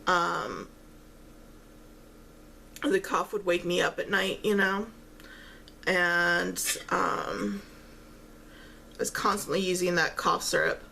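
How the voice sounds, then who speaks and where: A woman chatting casually while eating, chewing as she talks and pausing often between phrases. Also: on the low side, steady tone, vocal fry, bright, forceful tone, slight background noise. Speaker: vlogger eating on camera while talking. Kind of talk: casual mukbang-style chat.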